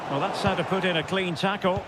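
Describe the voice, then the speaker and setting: Casting: male actor for excitable football game commentator, high voice that lifts into goal shouts, very noisy backdrop. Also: fairly quick, over a noisy crowd, close to an everyday voice. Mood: measured, attentive. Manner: excited raised shouts on goals. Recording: loud noise behind the voice.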